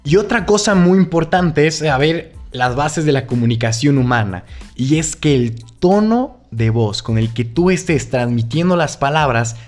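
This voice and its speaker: A man's voice: a little high, expressive, normal speed, faint music behind. A man with a Mexican Spanish accent hosting a podcast, coaching on sales in a casual, joking, chummy monologue.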